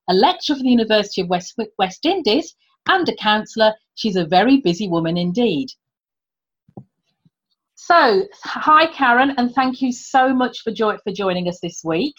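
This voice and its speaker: A woman hosting an interview podcast, asking guests questions and laughing along with them. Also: medium pitch. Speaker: podcast host. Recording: dull lo-fi sound.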